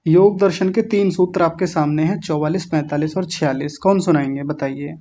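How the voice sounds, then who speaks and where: A Sanskrit recitation teacher who stretches out each syllable when modelling pronunciation and then explains quickly. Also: medium pitch, mellow. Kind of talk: online recitation class, correcting pronunciation. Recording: dull lo-fi audio.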